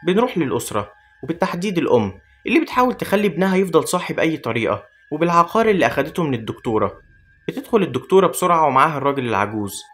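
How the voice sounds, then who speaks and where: A man with an Egyptian accent narrating a horror film recap in a scripted, rapid storytelling manner. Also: fairly high pitch. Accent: Egyptian Arabic.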